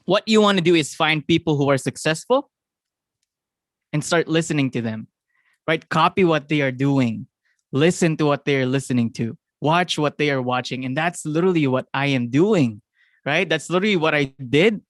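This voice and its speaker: A young man with a slightly high voice gives a motivational talk about business and success. He speaks earnestly and keeps checking in with his listeners. The recording is dry and close, with no room sound. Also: normal speed, dry recording. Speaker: business presenter.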